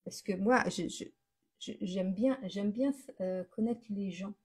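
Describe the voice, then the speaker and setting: A woman's voice: mid-range voice, unhurried, a little mellow, slightly rough. A woman hosting her own live stream in a casual, chatty way, answering viewers as she goes, laughing often and often restarting her sentences. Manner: restarts and self-corrects often. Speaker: host of a daily live stream.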